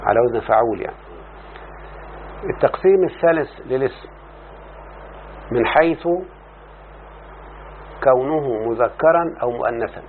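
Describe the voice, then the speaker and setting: A man's voice: mid-range voice, animated, moderate pace, pauses often. Egyptian man teaching grammar, tinny recording. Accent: Egyptian Arabic. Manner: explains then quizzes the student with repeated checks. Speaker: teacher of Arabic morphology. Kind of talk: Egyptian-dialect classroom lesson. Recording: tinny lo-fi recording with faint hiss.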